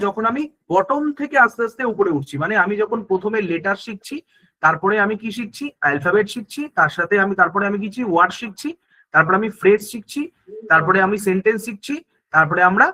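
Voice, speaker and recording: A man's voice: high voice, lively intonation, fast, bright, forceful tone, poor audio. A man teaching an online exam-prep class, explaining step by step, asking questions on his students' behalf and answering them, and often checking that they follow.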